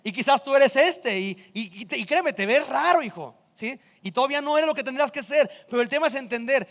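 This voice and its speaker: A man's voice: very high voice, animated, brisk, fairly bright tone, long reverb tail. A man, preaching a sermon in a casual, conversational way full of rhetorical questions. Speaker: pastor.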